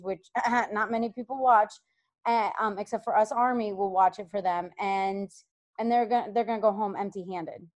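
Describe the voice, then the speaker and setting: A woman's voice: mid-range voice, darkish tone, lo-fi sound. A woman hosting a casual fan chat show, talking animatedly and repeating herself for emphasis. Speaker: host.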